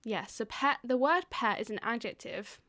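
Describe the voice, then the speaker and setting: A woman's voice: on the high side, lively intonation, moderate pace, a bit bright. A woman co-hosting a casual podcast, explaining things at length with frequent fillers and laughter. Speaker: podcast co-host.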